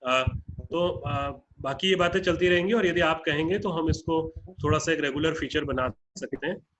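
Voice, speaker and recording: A man's voice: fairly high pitch, moderate pace, a bit bright, lo-fi sound. Earnest Indian man on a video call. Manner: earnest, plain-spoken, mixing in English phrases. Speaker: founder addressing partner groups. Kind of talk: online webinar talk.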